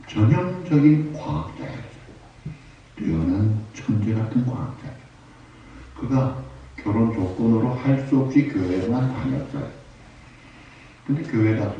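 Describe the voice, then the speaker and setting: Male pastor, emphatic sermon delivery, animated rising pitch, mic far off in a dull, echoey church hall. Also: a little hiss or hum. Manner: emphatic preaching with rising exclamations and rhetorical questions.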